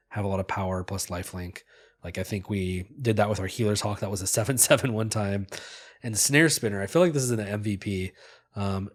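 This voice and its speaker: A man with a congested, nasal voice from a cold, casually recapping his card game deck for his video audience with lots of fillers. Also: lowish voice. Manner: relaxed, filler-heavy, upbeat. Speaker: gaming video creator.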